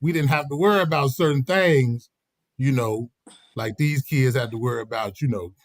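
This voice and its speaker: A middle-aged man telling a casual, animated story on a podcast, laughing as he goes. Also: mid-range voice, moderate pace, no room sound. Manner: animated, laughing, slips into quoted voices. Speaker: podcast host.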